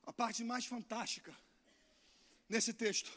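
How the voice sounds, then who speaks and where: Fiery high-voiced Brazilian preacher. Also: male voice, fairly even intonation, slow. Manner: impassioned, swings from soft to shouting, calls for congregation responses. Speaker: guest preacher. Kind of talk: sermon. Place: church.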